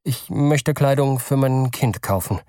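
A man's voice: mid-range voice, a little slow, mellow, no room sound, studio quality, natural voice. A man reading aloud, voicing a nervous, flustered father who stammers and hesitates.

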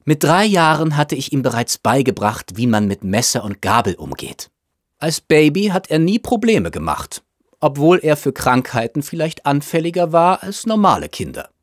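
A man's voice: mid-range voice, no room sound, clean studio sound. A man putting on a gushing, snobbish society mother. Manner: gushing, fussy, chattering. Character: snobbish, self-absorbed upper-class mother, middle-aged woman.

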